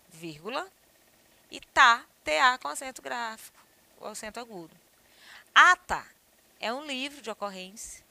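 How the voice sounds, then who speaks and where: A woman's voice: on the high side, bright, forceful tone, no echo. A Brazilian woman with a Brazilian Portuguese accent teaching a grammar lesson, explaining patiently and checking with her students as she goes.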